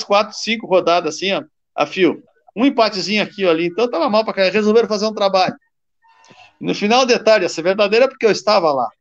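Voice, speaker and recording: A former football player from southern Brazil telling stories in casual chat, halting and repeating words. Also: male voice, sits high. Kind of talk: casual storytelling on a call. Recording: dull lo-fi call audio.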